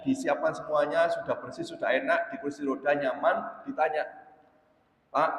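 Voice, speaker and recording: A man with an East Javanese accent giving a storytelling sermon to a congregation, often addressing them directly and mixing in Javanese. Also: medium pitch. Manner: storytelling, switches between Indonesian and Javanese, addresses audience often. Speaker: preacher. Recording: echoey hall.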